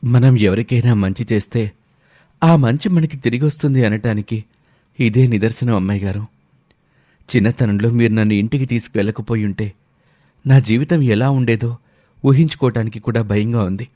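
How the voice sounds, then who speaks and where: A man's voice: medium pitch, normal speed, long pauses, mellow, no echo, clean studio sound, lightly acted. A man voicing a loyal, devoted young man in a storybook drama, speaking earnestly and respectfully. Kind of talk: storybook voice acting.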